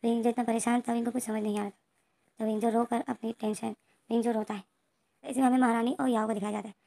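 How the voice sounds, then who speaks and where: A woman's voice: a little high, flat delivery, fast talker, creaky, dark tone. A woman casually retelling a fan story, rambling with restarts and reading out characters' lines.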